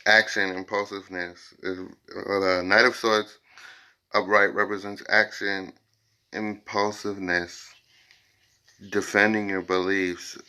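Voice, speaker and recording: Slow and low with little pitch movement, his voice comes through clear, resonant, bright, and forceful. The man hosts a tarot and psychic reading, turning cards for viewers in a casual, improvised style that's blunt, emphatic, repetitive, and now and then profane.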